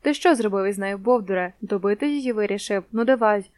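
A woman voicing a hot-headed, loyal teenage boy who talks bluntly and forcefully, in a storybook reading. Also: mid-range voice, a little fast, no echo, natural voice. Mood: angry.

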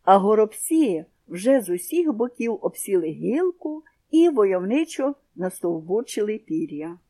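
Lively woman reading a children's story. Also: medium pitch, a little slow. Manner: expressive storybook reading with comprehension questions.

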